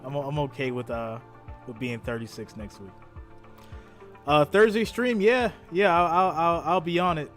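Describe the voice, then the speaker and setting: A man's voice: a little high, normal speed, a bit bright, faint music behind. A man in his thirties hosting a live reaction stream, chatting casually with viewers and often repeating and restarting his words. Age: 30s.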